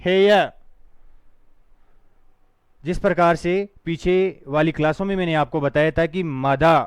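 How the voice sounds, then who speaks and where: A man leads a phonetics lesson in a firm, teacherly way. He breaks words down slowly letter by letter and pushes listeners to repeat after him. His voice sits a little high and comes through smooth and dry, close to the mic. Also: dry recording. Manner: drills words slowly, spelling them out letter by letter; firm, teacherly, urges students to repeat along. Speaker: spoken English teacher.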